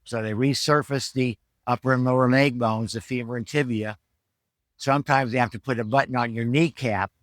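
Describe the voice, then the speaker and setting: A man's voice: mid-range voice, steady tone, moderate pace, no room sound, clean studio sound. A man in his seventies giving a plain-spoken, explanatory vlog talk at home, in an informal instructional style. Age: 70s. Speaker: fitness trainer and rehab vlogger.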